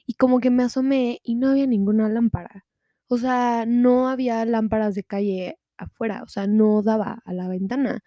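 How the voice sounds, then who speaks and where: Animated young Mexican woman telling a story. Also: a little high, normal speed, no echo, studio quality. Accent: Mexican Spanish. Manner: animated, slangy, acts out quotes. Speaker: podcast co-host. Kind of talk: casual storytelling chat.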